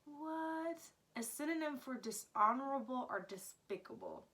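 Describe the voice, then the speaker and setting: A young American woman from Florida chats casually to camera as a language vlogger, giggling often and peppering her talk with "like." Her medium-pitched voice is a bit bright and moves at a moderate pace.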